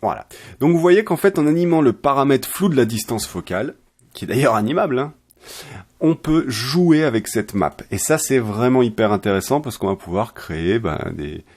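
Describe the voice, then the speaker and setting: A man explaining software step by step in a chatty, self-correcting tutorial style. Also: mid-range voice, expressive, moderate pace. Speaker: software trainer. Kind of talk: screen-recorded software tutorial.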